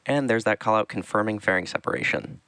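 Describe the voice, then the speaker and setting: A man giving live explanatory launch commentary as a webcast host, measured and informative. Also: on the low side, bright, forceful tone, smooth, dry recording.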